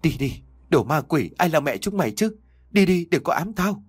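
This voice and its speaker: A man voicing a frightened young woman who shouts at ghost children to go away, her voice rising in fear. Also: mid-range voice, lively intonation, normal speed, husky, dry recording. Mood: shrill, angry.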